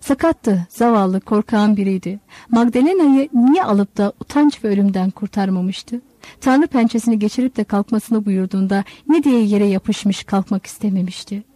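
A woman narrating a literary novel in a measured, storytelling manner. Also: fairly high pitch, mellow, no echo. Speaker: audiobook narrator.

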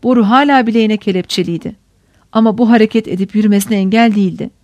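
A woman reading a crime novel aloud as an audiobook narrator, in a steady, measured storytelling manner. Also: medium pitch, no room sound, muffled recording.

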